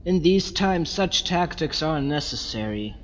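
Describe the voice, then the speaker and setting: A man playing a mad, scheming Time Lord villain in an audio drama, speaking in a haughty, measured, mocking and theatrical way. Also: a little high, lively intonation, long reverb tail, muffled recording, slight background noise. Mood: sly, urgent.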